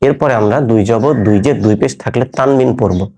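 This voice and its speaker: A man's voice: mid-range voice, fast talker, mellow. A man teaching a Quran reading class, patiently explaining and repeating letter sounds step by step. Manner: patient, step-by-step explaining with drilled pronunciation examples. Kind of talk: recorded online lesson.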